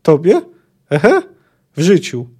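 A man doing a shrill, indignant young poet. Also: wildly swooping pitch, slow, darkish tone, slightly rough, exaggerated voice. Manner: incredulous, mocking protests.

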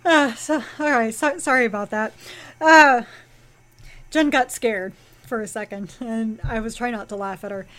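A woman's voice: fairly high pitch, normal speed, fairly bright tone. A woman co-hosting a casual comics podcast, rambling through plot recaps with fillers and restarts. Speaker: podcast co-host.

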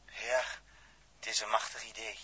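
Dirk, a brooding, self-sacrificing astronaut. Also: male voice, fairly low pitch, flat delivery, moderate pace, breathy edge, exaggerated voice, poor audio. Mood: reflective. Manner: reflective, quiet, grows breathless and faint. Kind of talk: vintage radio drama acting.

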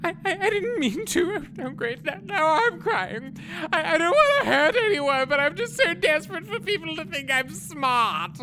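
A woman's voice: lowish voice, huge pitch swings, slow, heavily acted. Thornwick, a woman doing a smug wizard. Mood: weepy. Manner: smug accusing, then blubbering. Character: pompous suspicious male adventurer wizard. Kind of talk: comedic audio drama acting.

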